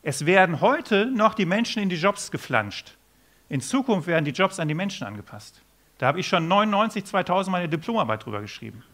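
Animated man giving a stage keynote. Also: high-pitched, brisk. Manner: animated storytelling, acts out quoted dialogue. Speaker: keynote speaker. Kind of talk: conference keynote talk. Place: conference stage.

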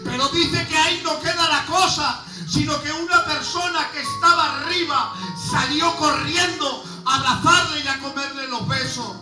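A man from preaching an emphatic sermon that builds to shouts. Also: very high voice, fairly even intonation, normal speed. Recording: echoey hall, far mic, music behind.

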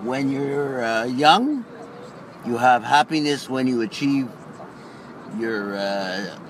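An older man sitting in a car, answering a street interview slowly and thoughtfully, repeating himself as he goes. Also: medium pitch, lively intonation, rough recording. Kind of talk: street vox pop answer. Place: seated in a car, street outside. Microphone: handheld phone held to car window. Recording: street traffic noise.

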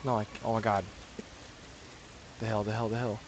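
A man's voice: lowish voice, flat delivery, normal speed, background noise. A man streaming himself playing a horror game, jumpy and swearing constantly as he talks through it. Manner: jumpy, swears constantly, pleads others to take over. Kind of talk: live horror game commentary.

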